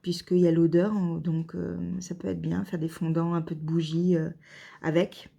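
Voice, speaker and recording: A woman vlogging casually at home, hesitant and chatty with many pauses and fillers. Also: on the low side, flat delivery, creaky, mellow. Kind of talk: casual vlog chat.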